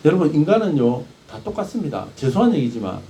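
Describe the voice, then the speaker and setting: A man's voice: a little high, big pitch swings, fast talker, mellow, slight background noise. A male pastor preaching a sermon, firing rhetorical questions at the congregation.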